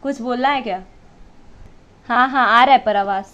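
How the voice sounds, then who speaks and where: A woman's voice: fairly high pitch, moderate pace, sharp tone, dull audio. A young woman chatting casually to camera at home as a vlogger, setting up her gear as she talks. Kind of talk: casual vlog chat. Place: at home indoors.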